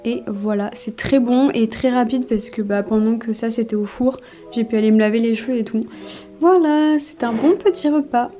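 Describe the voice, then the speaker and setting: This woman's voice is a little high and warm, moving at a moderate pace. She's a French vlogger in her twenties speaking casually to camera in her home, hesitating often and using many fillers, over background music.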